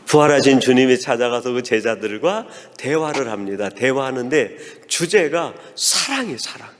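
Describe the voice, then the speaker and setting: A pastor delivers a sermon from the pulpit, narrating a story and voicing the quoted exchanges more softly. His voice sits at an ordinary male pitch. The sound carries the long reverb of a church sanctuary. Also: lively intonation, moderate pace. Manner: storytelling, acting out quoted dialogue in a softer voice.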